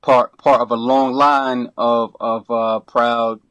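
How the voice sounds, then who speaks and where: A middle-aged man from Brooklyn, a podcast guest who talks in a relaxed, rambling way, full of restarts and you-knows. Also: medium pitch, slow, no echo, highs cut off. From Brooklyn, New York. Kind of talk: casual interview.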